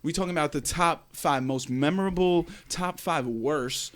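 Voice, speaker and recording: A man's voice: a little high, normal speed, fairly bright tone. A man co-hosting a casual podcast, cracking crude jokes and quips. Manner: joking, throws in crude quips. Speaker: podcast co-host.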